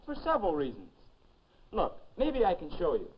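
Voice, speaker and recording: A cheery future self giving advice. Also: male voice, high voice, huge pitch swings, normal speed, slightly rough, heavily acted. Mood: earnest, coaxing. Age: young adult. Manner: patient, explaining, encouraging. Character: grown-up future self of a teenage boy, friendly adviser. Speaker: narrator of an etiquette film. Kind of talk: 1950s educational film narration. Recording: dull lo-fi 1950s film soundtrack.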